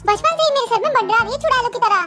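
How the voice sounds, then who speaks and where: A shrill, fast-talking bride who bosses and insults everyone, as a performer puts her on. She snaps out threats in a very high, squeaky voice. Loud children's music plays behind her in this animated fan story. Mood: rude, scolding. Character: brash rude young bride, sharp-tongued.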